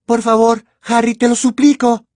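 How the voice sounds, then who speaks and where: A woman's voice: a little high, level tone, normal speed, a little mellow, no room sound, clean studio sound, lightly acted. A woman voicing a clever, anxious teenage girl witch who talks with urgent earnestness. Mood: urgent, pleading.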